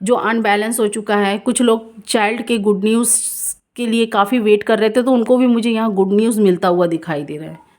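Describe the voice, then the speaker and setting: A woman's voice: mid-range voice, steady tone, normal speed, a little mellow. A woman doing a casual, reassuring tarot reading for viewers, repeating herself and mixing in English words. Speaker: tarot card reader.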